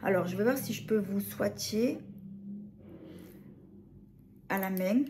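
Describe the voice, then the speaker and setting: A woman's voice: mid-range voice, normal speed, darkish tone, a little hiss or hum. A woman with a French accent casually reviewing lip glosses, hesitating often with fillers and restarts. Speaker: beauty vlogger.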